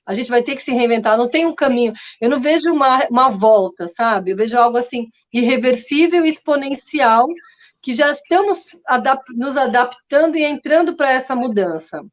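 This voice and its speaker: A woman's voice: sits high, expressive, normal speed. Woman host, earnest, rambling, lo-fi audio. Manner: earnest, talks in long run-on thoughts. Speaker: podcast host. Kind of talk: conversational discussion. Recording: dull lo-fi sound.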